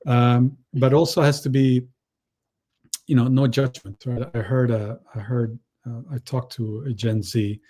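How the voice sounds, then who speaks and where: Halting man with a husky, mellow voice. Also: mid-range voice, level tone. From Chile. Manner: halting, many restarts and fillers. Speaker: panel guest. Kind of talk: panel discussion.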